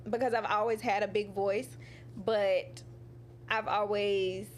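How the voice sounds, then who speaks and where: Laughing a lot and animated, this woman, a singer-songwriter, talks loosely in an interview, performing her own quotes and drawing out "um" and "you know." She has a mid-range voice, and there's slight background noise.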